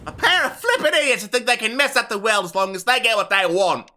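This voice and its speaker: A man doing a shouty mock-Australian thief girl. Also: high voice, fast, pitched above the performer's own voice. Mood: angry. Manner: loud, shouty. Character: brash young female thief leader.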